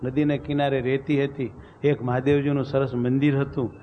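A man tells a devotional story at a mid pitch. His narration is vivid and dramatic, and faint noise hangs in the background. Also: level tone, normal speed, dull audio. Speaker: religious storyteller.

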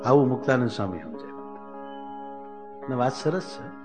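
A man telling a devotional story as a sermon, animated, raising his voice when he speaks for the characters. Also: normal speed, music in the background. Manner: animated storytelling, voicing characters with raised pitch. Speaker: religious storyteller.

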